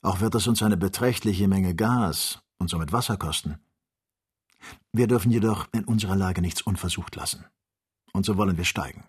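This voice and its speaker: Calm, learned doctor , husky male reader, audiobook, steady explanations. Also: low-pitched, moderate pace. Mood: measured.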